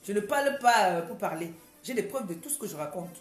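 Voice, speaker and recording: Woman, vlogger, casual monologue, emphatic, repetitive, hesitant, mid-pitched, echoey room. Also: animated, fairly quick, soft background music.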